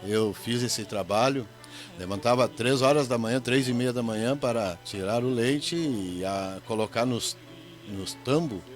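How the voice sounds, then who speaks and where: A middle-aged man with a gaúcho Brazilian accent, speaking as a guest on a radio interview. He tells stories in a folksy, joking way. His voice sits at an ordinary pitch, with faint music underneath. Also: a little slow. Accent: Gaúcho Brazilian Portuguese. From Rio Grande do Sul, Brazil. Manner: folksy storytelling with jokes. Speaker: evangelist guest.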